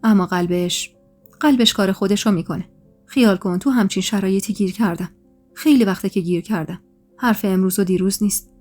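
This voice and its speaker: A woman's voice: a little mellow, soft background music, natural voice. Woman reading a grave, earnest older man. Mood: confiding. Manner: low, muffled, earnest. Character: grave middle-aged man declaring quiet love.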